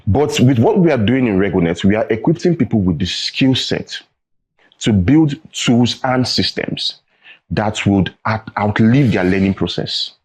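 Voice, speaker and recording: A young adult man with a Nigerian accent, a tech training founder, appears as a guest in a studio interview. His voice is on the low side and a little mellow with a breathy edge, moving at a measured pace with lively intonation. He explains things earnestly, often tossing in "right?" or "you know".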